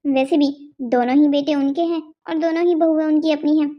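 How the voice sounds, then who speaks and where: A woman's voice: high-pitched, fairly even intonation, brisk, lo-fi sound, lightly acted. A woman voicing a sensible young female friend who gives frank advice in a cartoon. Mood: advising. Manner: frank, advising.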